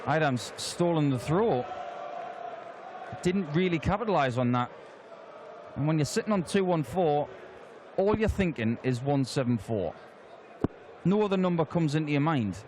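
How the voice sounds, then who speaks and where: A man's voice: a little high, expressive, moderate pace, pauses often, noisy background. A man commentating on darts, chatty and analytical with the odd joke. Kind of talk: sports commentary. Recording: commentary booth with crowd behind.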